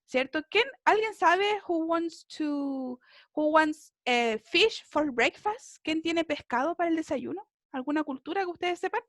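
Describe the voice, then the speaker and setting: A woman's voice: high-pitched, animated, a little slow, no room sound, studio quality. A woman teaching a beginner English class over a video call, encouraging and often checking in with her students.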